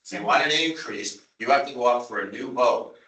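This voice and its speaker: Man, Long Island accent, insistent, repeats himself, bright tone, distant mic, echoey meeting room. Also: medium pitch, a little fast. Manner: insistent, repeats himself, apologetic but pressing. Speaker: town representative on a transit board. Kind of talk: public meeting debate.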